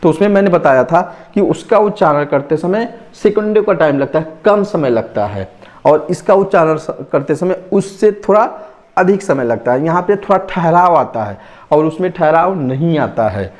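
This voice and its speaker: A man's voice: on the high side, expressive, normal speed, a little mellow. A man teaching a phonics lesson, reading word lists aloud and repeating each word to stress how long the vowel sounds, on a dull lo-fi recording.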